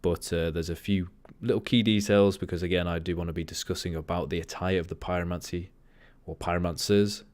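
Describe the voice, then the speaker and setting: Low-voiced guy streaming, monotone casual chat, keeps rambling, dry sound. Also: brisk, few pauses, dry recording. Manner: rambling, easily sidetracked. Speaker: livestream host.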